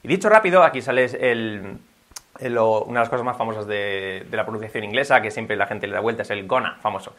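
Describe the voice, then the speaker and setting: A man's voice: fairly low pitch, a little fast, fairly bright tone. A man from Spain with a Spanish accent, teaching pronunciation in a video lesson, upbeat and drilling phrases by repetition. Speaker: English teacher.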